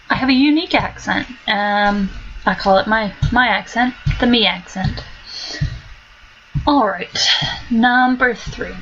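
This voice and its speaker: Speaking with a blend of American and Australian accents, this woman vlogger rambles casually on her own, with lots of ums and false starts. The voice sits at medium pitch with a fairly bright tone, captured in lo-fi sound.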